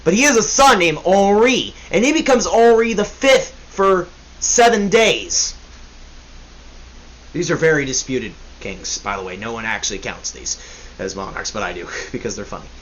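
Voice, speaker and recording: A man's voice: on the high side, lively intonation, normal speed, a bit bright, rough recording. A young man hosting a casual history podcast, rambling and joking, often correcting himself. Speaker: podcast host. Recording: faint hiss.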